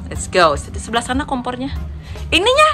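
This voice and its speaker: A woman's voice: sits high, huge pitch swings, fairly quick, bright, forceful tone. A middle-aged woman casually directing her children through a cooking session in a home kitchen, playful and teasing, with music and clatter behind. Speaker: mother guiding kids through cooking. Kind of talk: casual instructional cooking chat.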